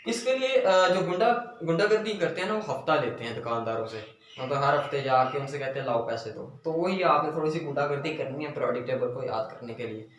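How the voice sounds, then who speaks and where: Teacher in an echoey room. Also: male voice, fairly high pitch, fairly bright tone. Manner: repetitive, drills phrases slowly. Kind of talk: classroom lesson with memory tricks. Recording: very echoey room, voice from a distance, faint noise.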